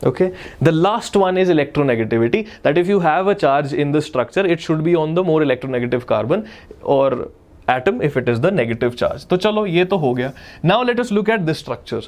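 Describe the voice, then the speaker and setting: A man's voice: fairly high pitch, animated, quick pace, darkish tone. A man with a North Indian accent teaching a live online lesson, explaining step by step, repeating key phrases emphatically and slipping between English and Hindi. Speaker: chemistry teacher.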